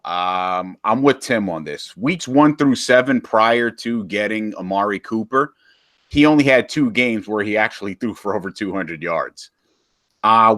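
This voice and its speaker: A man's voice: on the low side, a bit bright, dry recording, clean studio sound. A man co-hosting a casual football podcast, steadily reasoning through statistics. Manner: measured, reasoning through stats. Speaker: podcast co-host. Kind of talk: casual sports podcast chat.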